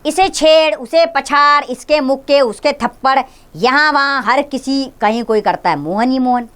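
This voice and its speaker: A woman's voice: high voice, moderate pace, a bit bright, voice pushed up. A woman voicing a talkative neighbourhood shopkeeper who chats jovially about the boy. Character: chatty neighbour shopkeeper man.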